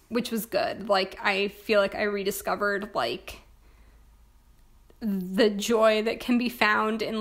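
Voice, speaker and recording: Hoarse, gravelly-voiced young woman. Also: on the high side, fairly bright tone. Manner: chatty, lots of filler words. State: hoarse, losing her voice. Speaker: planner vlogger. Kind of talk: casual chat.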